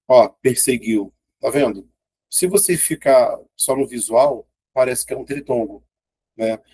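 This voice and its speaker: A man's voice: mid-range voice, lively intonation, unhurried, mellow, breathy edge. A man with a Brazilian Portuguese accent teaching an exam-prep grammar lesson in a casual, chatty way, often pointing things out and checking in with his students.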